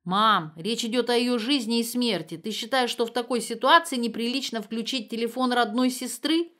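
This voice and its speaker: A woman's voice: a little high, normal speed, bright, forceful tone, voice pushed up. A woman voicing a practical grown daughter who talks in a level, matter-of-fact way.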